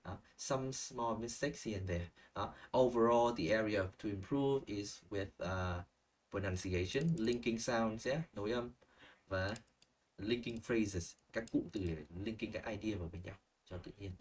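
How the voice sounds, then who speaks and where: A young man teaching an online speaking class, giving students animated feedback and checking in with the class often. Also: fairly low pitch, unhurried, recorded from a distance. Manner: animated, models phrases, checks in with "ok?" and "chưa?". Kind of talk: online lesson feedback, mixing Vietnamese and English.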